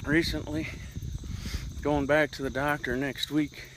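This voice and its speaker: A man's voice: fairly high pitch, flat delivery, a little slow, background noise. A middle-aged man in a casual, rambling walk-and-talk monologue, slightly winded as he walks outdoors. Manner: rambling, reflective, talking while walking. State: slightly winded from walking uphill. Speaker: vlogger.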